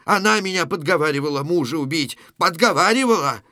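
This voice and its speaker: A man reading a play aloud, voicing a violent young thief who shouts in anger. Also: fairly high pitch, expressive, a little fast, no echo, clean studio sound. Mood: defiant. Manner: harsh, angry shouting.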